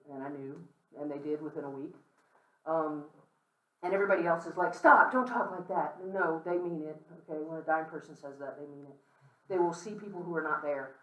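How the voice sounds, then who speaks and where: A lecturer speaks candidly to a room full of listeners, loose and conversational, tossing in asides and light humor and checking in with "okay?" as they go. The voice sits at an ordinary middle pitch. It is picked up from some distance, so the room's echo rings around every phrase. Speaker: guest speaker on death and dying. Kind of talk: informal lecture to a campus audience. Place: large room with an audience. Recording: roomy echo, speaker far from the mic.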